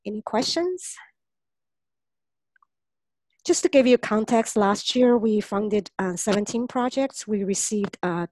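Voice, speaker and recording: A woman's voice: fairly low pitch, a little mellow, no echo. A woman announcing a mentorship program on a meeting call, her voice strained from a cold, with many fillers and trailing off.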